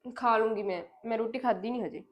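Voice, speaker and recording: A woman plays a lazy, sharp-tongued young wife in a homespun village family drama, defiant, dodging every chore and snapping back at everyone. Her natural voice is high and quick, fast and pointed with a bickering tone, and the sound is lo-fi.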